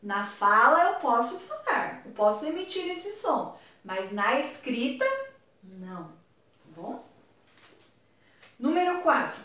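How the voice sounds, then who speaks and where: Slow, patient woman teacher in echoey room. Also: high-pitched, bright, forceful tone. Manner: slow, patient, drawn-out words for pupils. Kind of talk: online class explanation. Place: home room on a video call. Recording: very echoey room, far from mic.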